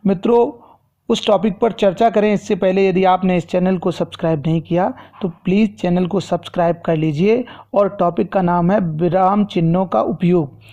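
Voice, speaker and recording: A man teaching a grammar lesson in a measured, explanatory way, repeating key phrases, in a dull lo-fi recording. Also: high voice, fairly even intonation, mellow.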